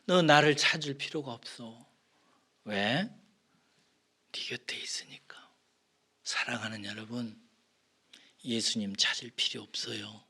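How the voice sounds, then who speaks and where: A male pastor giving an expository sermon, asking the congregation questions and answering them, swinging from loud emphasis to soft, whispered lines. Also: medium pitch, measured pace, slightly rough.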